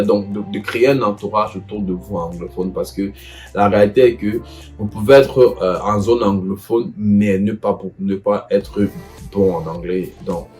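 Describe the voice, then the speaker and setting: Brief: young man, lowish voice, halting advice vlog, faint guitar underneath. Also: dark tone. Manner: hesitant, many fillers and restarts. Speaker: vlogger giving advice to students. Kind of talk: casual advice talk.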